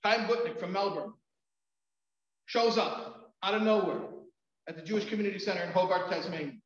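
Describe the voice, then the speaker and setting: A man, a rabbi, tells stories at a community event in a lively, chatty way, full of fillers and restarts. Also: high voice, fairly quick. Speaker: rabbi, storyteller. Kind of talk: storytelling talk at a community event. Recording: very echoey, dull event hall sound.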